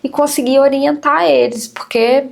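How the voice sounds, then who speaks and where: A woman's voice: sits high, steady tone, moderate pace, vocal fry, a little mellow, a little hiss or hum. A woman working as a doula, chatting casually in a hesitant way, with many fillers and restarts. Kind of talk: casual chat.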